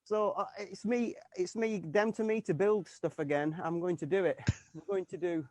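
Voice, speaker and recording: A man's voice: sits high, moderate pace, a little mellow, no room sound. A man from the UK, a keyboard player in a tribute band, chatting casually in an interview and stumbling through many restarts and fillers.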